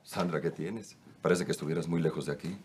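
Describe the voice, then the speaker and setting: An actor playing a gentle, concerned man. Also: extremely low pitch, brisk, a little hiss or hum. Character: concerned man comforting a colleague.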